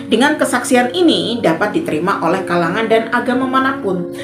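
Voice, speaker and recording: A woman hosting her channel, giving emphatic religious commentary straight to her viewers. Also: medium pitch. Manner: addresses viewers directly, lively and emphatic. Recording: roomy sound with faint background music.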